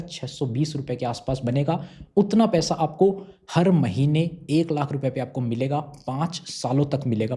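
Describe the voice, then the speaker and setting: A man's voice: fairly high pitch, mellow. A young adult man hosting a finance explainer, going step by step and asking and answering his own questions. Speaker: finance YouTuber explaining savings schemes. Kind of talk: explainer talk to camera.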